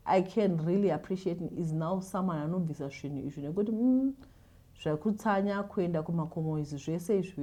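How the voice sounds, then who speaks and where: A woman with a Zimbabwean accent and a deep, warm voice hosts a show where she reads listener confessions and gives advice. She tells stories casually, repeating words and acting out the retellings.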